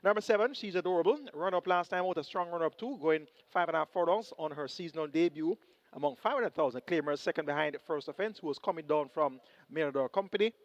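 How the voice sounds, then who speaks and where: Higher-pitched Jamaican man previewing races, dull audio. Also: quick pace, no room sound. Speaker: horse racing analyst. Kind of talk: race preview commentary. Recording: dull, band-limited broadcast audio.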